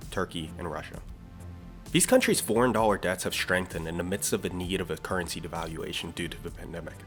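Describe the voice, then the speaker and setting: A young adult man from Pittsburgh, Pennsylvania, hosting an economics channel in scripted explainer narration, energetic and mildly sarcastic. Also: sits low.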